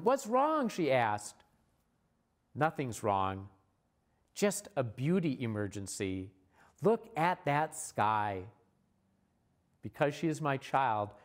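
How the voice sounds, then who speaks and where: A man, a church leader, giving a recorded sermon in a measured, earnest way, slowing down for repeated refrains. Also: medium pitch.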